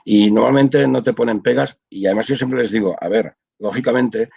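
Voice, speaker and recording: A man's voice: mid-range voice, a little fast, gravelly, darkish tone, breathy edge, no echo, poor audio. An older man from Spain, a translator, explaining his work at length in a casual video-call interview, with many restarts. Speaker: audiovisual translator, interview guest.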